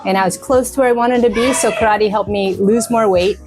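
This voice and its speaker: A woman's voice: medium pitch, brisk, over music. A woman in her forties from Canada, answering interview questions in an open, talkative way. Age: 40s. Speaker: interview guest.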